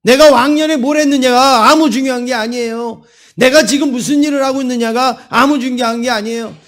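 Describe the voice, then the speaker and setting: This is a male pastor with a high-pitched voice, preaching a Sunday sermon. He moves between a told story and emphatic, rising exhortation to the congregation. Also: fairly even intonation, brisk, fairly bright tone.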